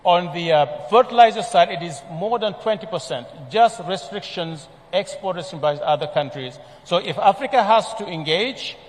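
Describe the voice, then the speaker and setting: A man from Senegal presenting a report at a conference, speaking in a measured way with frequent fillers and restarts. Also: high voice, animated. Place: large conference hall. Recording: long hall reverb.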